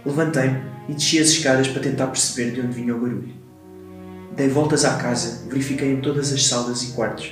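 A young man with a European Portuguese accent, chatting and reading creepy tales at a brisk clip. His voice sits in the middle of the range and he teases his co-host. The room around him is very echoey. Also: medium pitch, fairly even intonation, recorded from a distance, faint music behind. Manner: teasing, rushes through his readings. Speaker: podcast co-host. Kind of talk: casual chat, reading horror stories aloud.

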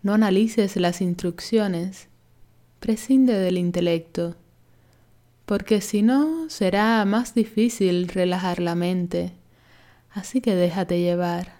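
Speaking slowly at a medium pitch, a woman gently instructs listeners through a guided relaxation meditation. As a yoga instructor, her tone stays calm and soothing.

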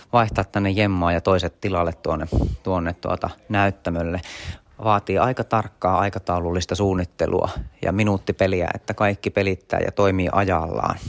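Chatty man guiding a tour. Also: on the low side. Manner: chatty, guiding listeners through spaces. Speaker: podcast host. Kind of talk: walking tour narration.

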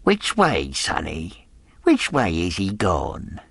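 Man putting on a fawning pirate, slow, drawling, gravelly, leering, dry close sound. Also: sits low, wildly swooping pitch, a bit bright, no echo, exaggerated voice. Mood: eager. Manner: half fawning, half sneering. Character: sinister, fawning middle-aged male pirate.

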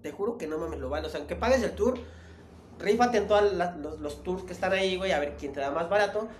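A young Mexican man chatting casually with a friend, telling stories in a slangy, animated way. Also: high voice, fast, roomy sound, a little hiss or hum. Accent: Mexican Spanish. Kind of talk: casual chat between friends.

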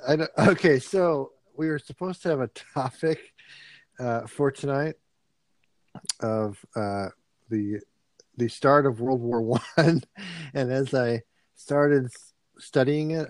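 A man's voice: medium pitch, takes it slowly, dry recording. A man co-hosting a casual comedy podcast, rambling and laughing often as he talks. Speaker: podcast co-host.

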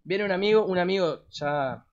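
A man's voice: sits high, moderate pace. A young man in his late teens with an Argentine Rioplatense accent, telling a story casually to a live audience as a streamer, rambling and slangy with plenty of swearing. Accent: Argentine Rioplatense Spanish. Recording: dull lo-fi recording.

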